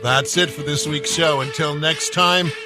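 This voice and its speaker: A man hosting a radio show, reading scripted narration in a crisp, upbeat announcer delivery. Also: a little high, steady tone, unhurried, over music.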